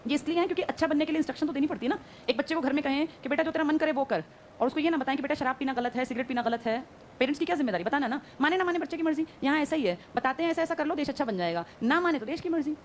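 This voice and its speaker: Brisk woman teacher, quick-fire quizzing, high-pitched and fast. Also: expressive, slight background noise. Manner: brisk, quizzing students and answering herself. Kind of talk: classroom lecture. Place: classroom.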